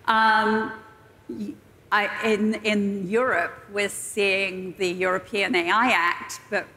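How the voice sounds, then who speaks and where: A woman giving measured, explanatory advice as a guest expert in an on-stage interview. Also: mid-range voice, level tone, sharp tone. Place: large indoor conference stage. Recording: echoey hall with long reverb.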